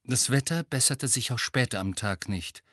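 Calm male audiobook narrator. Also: mid-range voice, moderate pace, no echo, studio quality.

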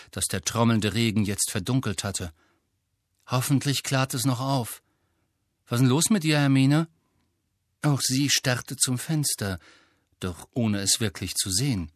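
A man with a lowish voice narrates an audiobook in a steady, measured scripted reading. The recording is studio quality with no echo.

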